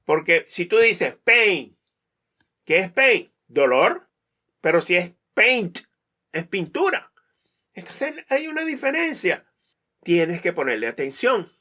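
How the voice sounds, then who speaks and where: Man, animated teacher, rhetorical questions, bright and fairly high voice. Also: unhurried. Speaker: English teacher for pilots. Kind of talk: online lesson talk.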